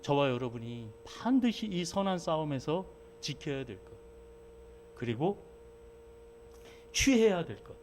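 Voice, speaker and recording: A male pastor preaching a sermon who moves between loud fervent exhortation and relaxed, chatty storytelling. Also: a little high, unhurried, pauses often, a little hiss or hum. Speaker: senior pastor.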